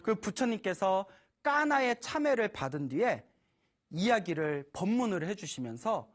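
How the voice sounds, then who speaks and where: A Buddhist preacher telling a temple story in a lively, animated way, laughing often while speaking to an audience. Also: medium pitch, a little slow. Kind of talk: storytelling dharma talk.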